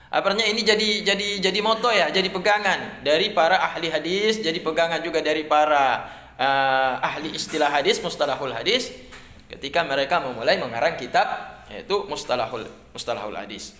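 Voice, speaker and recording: A man's voice: a little high, a little fast, bright, forceful tone. A middle-aged man teaching a religious studies class, chatty and joking with his students, often repeating words as he explains. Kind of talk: classroom lecture. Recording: echoey classroom.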